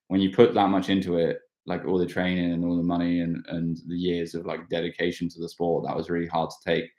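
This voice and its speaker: A man in his thirties, a mountain bike racer, chatting casually on a live stream and rambling with many fillers and restarts. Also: low-pitched. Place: at home, washing outside in the rain. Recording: roomy echo.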